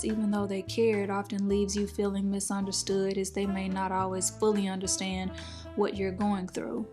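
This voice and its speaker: A young woman talking casually in her vlog, chatty and expressive, moving into a calm, reflective sponsor read. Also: mid-range voice. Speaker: vlogger.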